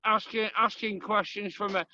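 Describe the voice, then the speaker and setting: High, bright-voiced northern English man chatting sport. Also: little pitch movement, moderate pace, dry recording, muffled recording. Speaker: host, fan asking questions of a player. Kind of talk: casual pub-style sports chat. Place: small room in a home, kitchen.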